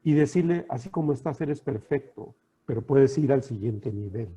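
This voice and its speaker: A middle-aged Mexican man, a coach, giving a calm, reflective talk full of rhetorical questions over a video call. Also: medium pitch, moderate pace, breathy edge.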